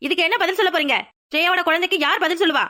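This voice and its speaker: In this cartoon drama, a woman voices an outspoken young woman confronting her friend's ex. Her voice is very high, very fast, bright and forceful, and her manner is confrontational and demanding.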